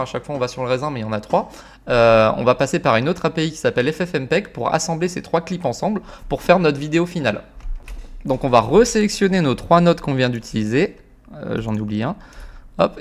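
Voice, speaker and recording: A young man talks through a screen-recorded tutorial in a loose, chatty manner. His voice sits at an ordinary middle pitch and he fills pauses with hesitations and casual slang as he works. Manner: relaxed, many fillers, informal slang. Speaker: automation tutorial creator.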